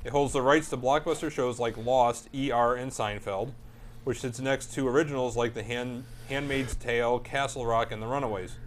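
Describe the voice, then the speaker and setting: A man with an average-pitched voice hosting a casual talk show. He reads entertainment news stories and adds offhand asides between them. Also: steady tone, normal speed, slight background noise. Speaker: host. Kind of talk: reading entertainment news with banter.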